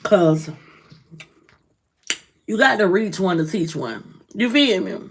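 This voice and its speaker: Lively woman preaching uplift with dialect flavor. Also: medium pitch, takes it slowly, a little hiss or hum. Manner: lively, swings loud and soft, preachy. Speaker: rideshare driver and motivational vlogger. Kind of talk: casual motivational talk to camera.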